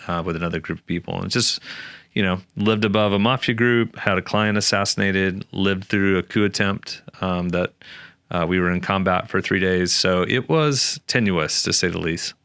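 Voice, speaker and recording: Brief: very low, resonant male guest, dry close sound, chatty storyteller who restarts his sentences. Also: normal speed, creaky, smooth, dry recording. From Oklahoma, USA. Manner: animated, many restarts and fillers. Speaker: author and guest. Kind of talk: conversational storytelling interview.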